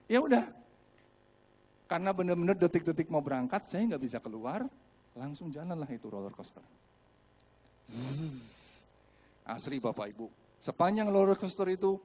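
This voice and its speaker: A man from Indonesia preaching a sermon in a church, telling a personal story with animated, acted-out voices and speaking directly to the congregation. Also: fairly high pitch. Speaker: pastor. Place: church hall.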